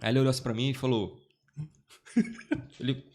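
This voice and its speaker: A man speaks as a guest in an easygoing chat. His voice has a gravelly, creaky edge at a middle pitch. He tells his story in a rambling way, often breaking off and restarting his sentences. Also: moderate pace, darkish tone. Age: 40s. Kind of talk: casual testimony chat.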